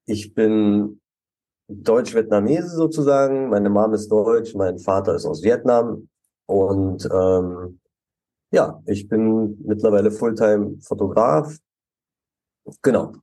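A middle-aged man from Germany, a photographer guest in a podcast interview, speaking relaxed with many hesitant fillers. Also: lowish voice, slow. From Halle an der Saale, Germany.

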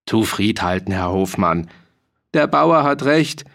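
A man's voice: on the low side, lively intonation, takes it slowly, creaky, a bit bright, exaggerated voice. A man doing a bragging jolly mercenary. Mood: boastful. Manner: hearty, bragging, dialect-heavy. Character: boastful, jolly grown male mercenary soldier. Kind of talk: audiobook reading.

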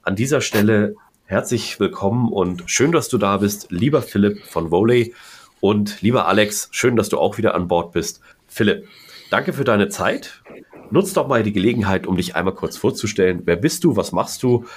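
A man's voice: on the low side, expressive, normal speed, husky. A man hosting a podcast interview, welcoming his guests with effusive enthusiasm. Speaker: podcast host.

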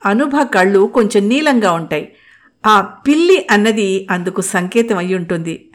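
A woman reading a first-person story aloud in an even, measured way. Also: mid-range voice.

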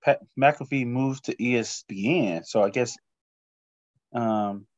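A relaxed man chatting about sports in easy slang, asking his co-host what he thinks. The recording sounds a little dull and lo-fi. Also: medium pitch, slow. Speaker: podcast co-host. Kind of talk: casual sports chat.

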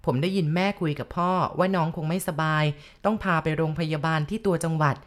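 A woman giving a calm, measured scripted narration of a ghost story. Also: on the low side.

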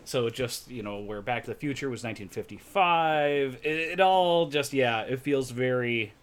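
A man hosting a casual podcast chat, often restarting words and filling pauses with uh, laughing easily. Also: mid-range voice, lively intonation. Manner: stammering restarts, frequent uh fillers, laughs easily. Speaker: podcast host.

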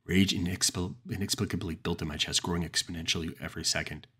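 A man narrating a first-person horror story in a measured, dramatic way. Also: low voice, steady tone, fairly bright tone, breathy edge.

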